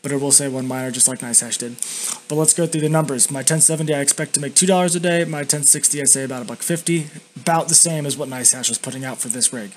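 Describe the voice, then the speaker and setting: A young man giving a casual, blunt, sweary software review, talking with tobacco dip tucked in his lip. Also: medium pitch, fast talker. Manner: talks with a lip full of dip. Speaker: YouTube reviewer. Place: indoors at a home computer. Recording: constant background noise.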